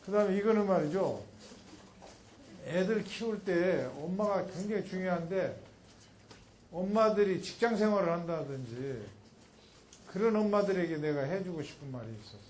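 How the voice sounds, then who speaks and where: A man giving a public lecture in an animated way, acting out a mother and child when he quotes them. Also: high voice, normal speed, long pauses, slight background noise, poor audio.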